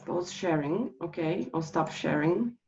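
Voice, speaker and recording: A woman presenting a speech analysis in an online lesson, speaking slowly with many pauses and fillers over a video call. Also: lowish voice, expressive, darkish tone, a little hiss or hum. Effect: heard over a video call. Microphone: computer mic on a video call. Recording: dull lo-fi video call audio.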